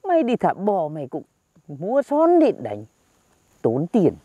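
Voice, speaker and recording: A woman's voice: lowish voice, wildly swooping pitch, a little slow, mellow, no room sound, exaggerated voice. Woman playing stingy grumpy old grandfather. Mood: grumbling. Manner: gruff, scolding, blunt. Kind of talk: comedy skit acting.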